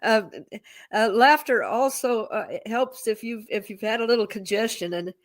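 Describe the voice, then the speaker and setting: A woman's voice: a little high, lively intonation, normal speed. A woman co-hosting a casual chat, speaking reflectively and often repeating words as she gathers her thoughts. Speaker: co-host.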